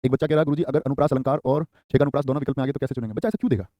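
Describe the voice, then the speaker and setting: A male teacher with a mid-range, dark voice runs a live online exam-prep class, recorded dry. He dictates quickly and repetitively, going over key phrases and answering students by name.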